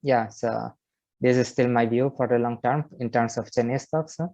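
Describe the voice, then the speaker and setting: A man's voice: medium pitch, steady tone, normal speed, warm tone, no echo. A man speaking as a guest on a video call panel, hesitant and full of fillers.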